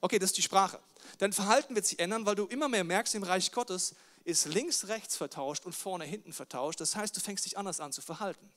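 A man, a pastor, giving a lively sermon, joking and firing questions at the congregation. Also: sits high, a little fast. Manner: animated, jokey, talks straight to the crowd with questions. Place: church service with a live audience.

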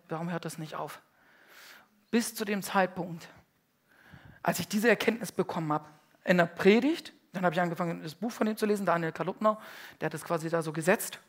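Male preacher giving a sermon in church. Emphatic and slangy, with loud bursts and quiet, confessional stretches. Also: high voice. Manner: emphatic, swings between loud outbursts and hushed confessions; colloquial, slangy. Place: church service before a congregation.

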